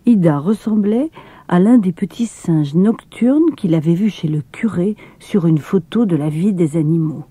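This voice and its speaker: A woman narrating a children's storybook in a calm, measured reading voice, close to the mic. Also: lowish voice, husky, dry recording.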